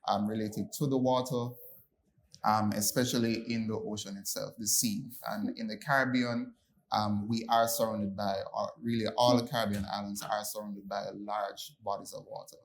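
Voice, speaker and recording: A young man from Jamaica speaking on a panel, relaxed, with many ums and restarts. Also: lowish voice, normal speed. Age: young adult. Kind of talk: panel discussion.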